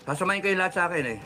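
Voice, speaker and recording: Heated cursing Filipino man with a bright voice. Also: sits high. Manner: heated, cursing, repetitive ranting. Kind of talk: angry political commentary.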